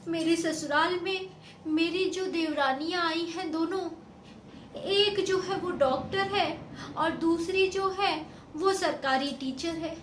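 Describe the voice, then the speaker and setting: A woman voicing an upset young sister-in-law who complains loudly through tears. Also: very high voice, a little slow, distant mic. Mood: tearful complaint. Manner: loud complaining wail. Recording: echoey room, faint noise.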